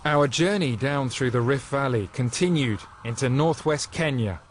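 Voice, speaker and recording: A man narrates as the presenter of a nature and travel documentary. His scripted delivery sits at a middling pitch for a man. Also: normal speed, slight background noise.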